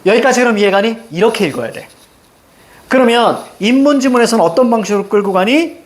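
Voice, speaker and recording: A middle-aged male teacher runs a reading lesson in an emphatic way, checking in with the class at every step. His voice sits high for a man and swoops up and down with lively, animated intonation. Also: a little fast. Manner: emphatic, quizzing students with constant check-ins.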